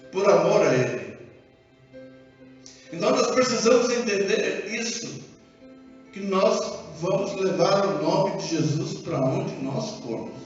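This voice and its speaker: A high-voiced male pastor with a Brazilian accent preaches with animation, acting out dialogue as he goes. He is recorded from a distance in a large, reverberant church hall. The sound is dull and muffled, with soft music underneath. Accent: Brazilian Portuguese. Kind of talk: sermon. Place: church sanctuary.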